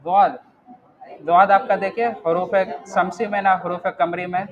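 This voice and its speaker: A man's voice: high voice, level tone, normal speed, lo-fi sound, a crowd in the background. A man teaching an Arabic grammar class online, patiently walking students through each word and often checking whether they follow.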